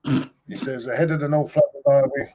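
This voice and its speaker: Hosting a relaxed football talk show, a man with a highish, warm and steady voice reads the news and asks his guest questions. His speech is halting and packed with fillers.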